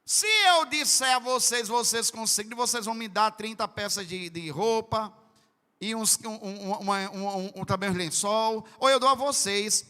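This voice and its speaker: A Northeastern Brazilian man preaching a Pentecostal sermon, acting out quotes and breaking into sudden loud bursts. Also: sits high, normal speed, clean tone. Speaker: pastor. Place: large church hall. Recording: reverberant church sound system.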